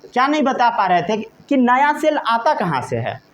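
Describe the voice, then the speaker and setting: Male teacher, high and animated, slow deliberate delivery, constantly checks comprehension. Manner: repeatedly checks understanding with short questions; slow, emphatic dictation of key terms. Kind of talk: classroom lecture.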